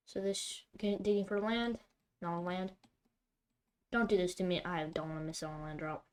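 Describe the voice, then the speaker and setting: A woman's voice: fairly low pitch, steady tone, normal speed, a little mellow. A woman giving running commentary on her own card game, talking to herself and breaking into exasperated outbursts over her bad luck. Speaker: streamer playing a card game. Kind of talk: live gameplay commentary.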